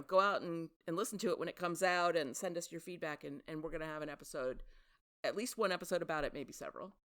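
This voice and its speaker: Woman, podcast host, casual chat, lowish voice, trivia-sharing, self-deprecating. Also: a bit bright, clean tone.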